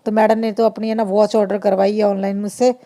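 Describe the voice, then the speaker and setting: A woman's voice: mid-range voice, level tone, quick pace, mellow. A woman vlogger and mother chatting through a casual voice-over of her family video, laughing often and restarting her sentences.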